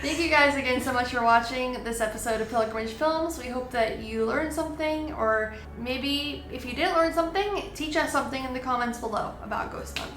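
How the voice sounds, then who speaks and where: A woman's voice: high voice, a little fast, few pauses, noisy background. A woman co-hosting as a missionary, wrapping up the video in an upbeat, bubbly way. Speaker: missionary co-host. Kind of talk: cheerful video sign-off. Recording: echoey room.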